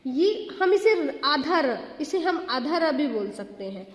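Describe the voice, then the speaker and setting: Slow, high-voiced woman teacher in an echoey room. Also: big pitch swings. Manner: slow, patient explaining with repeated questions to students; mixes English phrases into Hindi. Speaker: school teacher. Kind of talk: classroom grammar lesson. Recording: echoey room with long reverb.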